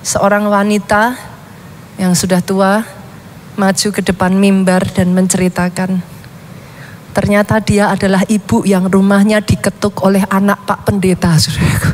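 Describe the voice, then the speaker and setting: Woman pastor, sermon storytelling, dramatic, mid pitch, addresses listeners, faint background noise. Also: level tone, a little slow, a little mellow.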